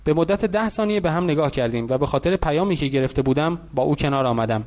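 Male narrator for an audiobook, even and reflective, slightly high voice.

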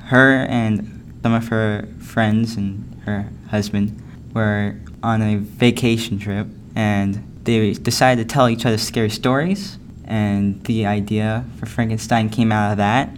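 A young man hosting a podcast, introducing the episode in a relaxed, plain-spoken way. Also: fairly low pitch. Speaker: podcast host. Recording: faint background noise.

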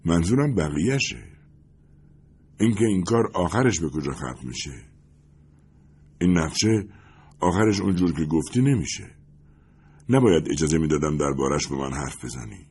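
Husky deep-voiced guy doing a weary impatient man, voice rises and falls a lot. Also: lively intonation, long pauses, darkish tone, full character voice. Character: gloomy, irritable man regretting his choices.

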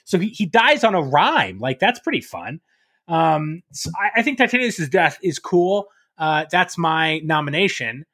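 A man co-hosting a casual podcast chat about a play, talking in lively bursts and reading verse aloud with loud drama. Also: on the high side, measured pace. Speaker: podcast co-host.

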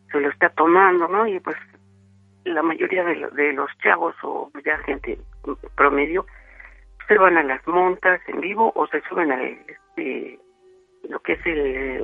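A man's voice: a little high, gravelly, husky, dry recording. A Mexican man telling a spooky story over the phone, rambling with many fillers. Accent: Mexican Spanish. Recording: tinny phone line.

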